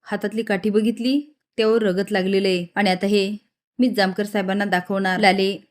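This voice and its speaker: A grieving, accusing village mother, read out by a woman narrator. The delivery stays flat and even, with little rise or fall. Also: medium pitch, moderate pace, lightly acted.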